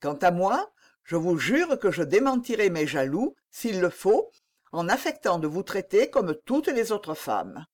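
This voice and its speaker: An ardent young king pleads with mounting passion, read by a woman narrator. The delivery is slow and deliberate, with pitch that rises and falls broadly. Heard as an audiobook reading. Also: sing-song, darkish tone. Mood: pleading. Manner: impassioned, exclaiming.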